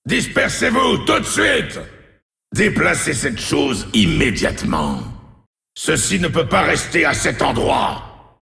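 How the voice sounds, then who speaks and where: An actor playing a cruel, mocking male demon lord in a video game, with a deep gravelly growl and a slow, menacing, taunting delivery. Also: wildly swooping pitch, pushed and bright, shouting, soft background music, heavily acted. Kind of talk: French video game dub voice lines. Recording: roomy game audio with echo.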